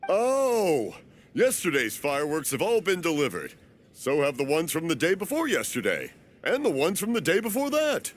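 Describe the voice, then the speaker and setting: A man's voice: a little high, huge pitch swings, normal speed. An actor playing a cheerful, muddled, hard-of-hearing old father in a video game. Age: older. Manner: genial, muddled, mishearing.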